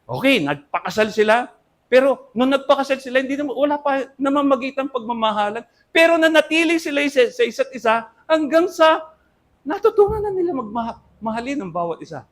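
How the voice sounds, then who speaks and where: An older man, a Filipino pastor, preaching earnestly in Tagalog-accented English and Tagalog, swinging from loud emphasis to soft asides. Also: very high voice, sing-song, fairly quick. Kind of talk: sermon.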